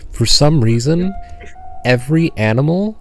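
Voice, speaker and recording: A man narrating as game master of a tabletop game, deadpan and slowing down to stress odd details. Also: a little high, faint music behind.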